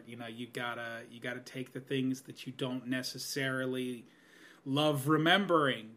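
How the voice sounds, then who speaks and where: Earnest and rambling with frequent "you know"s, a man in his thirties talks as a podcast guest about growing older. His medium-pitched voice is a bit bright, and there's slight hiss or hum in the recording.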